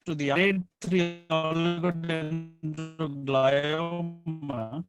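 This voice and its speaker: A man presenting surgical cases as a neurosurgeon, his speech halting with fillers and restarts, over a video call whose audio keeps breaking up and dropping out. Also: on the high side, little pitch movement, muffled recording, over music. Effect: choppy, dropping-out video call audio. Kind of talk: medical case presentation.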